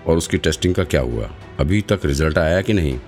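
A man's voice: a bass voice, expressive, fairly quick, a little mellow, soft background music. A man as a stern seasoned detective. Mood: firm. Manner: firm, commanding.

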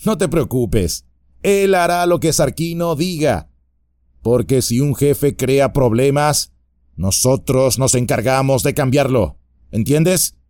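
A man's voice: mid-range voice, a little mellow, no room sound, studio quality, pitched above the performer's own voice, lightly acted. A man voicing a big, sneering, brutish ruffian in an audiobook, menacing and mocking.

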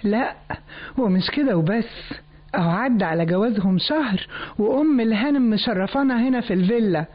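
An actress playing a scheming, gossiping Egyptian daughter-in-law in a radio drama. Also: female voice, a little high, animated, fairly quick. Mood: gossipy. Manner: insinuating, gossipy. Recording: dull lo-fi radio recording.

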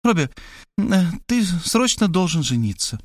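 A man's voice: high voice, very animated, unhurried, no echo, studio quality, pitched above the performer's own voice, heavily acted. A man voicing a pushy, scolding elderly mother in an audiobook. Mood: nagging. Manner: scolding, insistent, dramatic. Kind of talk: audiobook character voice.

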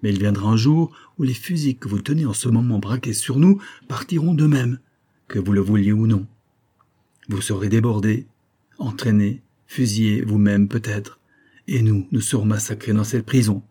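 A man's voice: on the low side, moderate pace, warm tone, breathy edge. A man reading an audiobook, voicing an imprisoned colonel who argues earnestly and presses his point. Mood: urgent.

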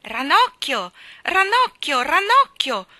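A woman playing a shrill, stubborn boy. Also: sing-song, a little fast, sharp tone, no echo, full character voice. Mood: insistent. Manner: shrill and insistent. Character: sulky, stubborn young boy.

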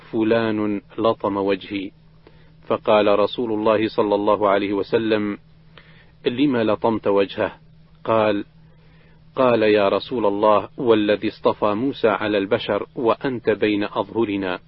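Low-voiced man reciting religious texts, lo-fi. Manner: steady measured reading, quoted dialogue read without acting. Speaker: reader of a hadith collection. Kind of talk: recited religious text reading. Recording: dull lo-fi recording.

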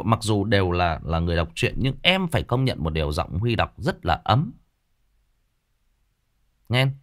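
A man's voice: mid-range voice, fairly bright tone. A man with a Northern Vietnamese accent, an audiobook narrator speaking off the cuff and defensively to a critical listener, with many fillers and restarts. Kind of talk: unscripted direct address to a commenter.

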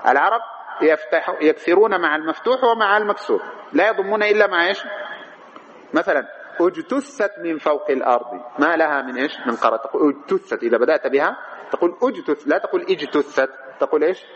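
A man's voice: on the high side, a bit bright, a little hiss or hum, poor audio. A man teaching a grammar class who keeps asking questions and then answers them himself. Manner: recites verse and quotes in a chanting tone. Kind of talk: classroom lecture on Arabic grammar.

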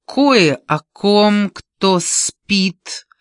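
A reader voicing a reckless grown man who loudly taunts his family and spills a secret. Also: medium pitch, drawn-out words, no echo, clean studio sound. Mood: defiant. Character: defiant grown man, reckless blurting brother.

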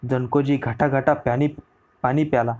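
A man narrating a historical story as an audiobook reading, in a steady storyteller delivery. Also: mid-range voice, moderate pace.

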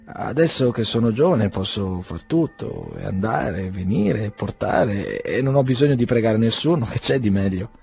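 A shy, gentle young peasant woman who speaks earnestly, as a man reads her aloud. The voice stays fairly low and dark, with a husky edge. This is a storybook reading. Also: animated, normal speed, few pauses, exaggerated voice.

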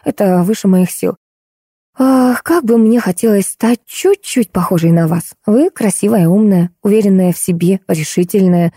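A woman's voice: medium pitch, normal speed, dark tone, husky, no room sound, studio quality, natural voice. A woman reading the part of a timid, anxious young woman who pleads and frets, in an audiobook. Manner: fretful, pleading. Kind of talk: audiobook character voice.

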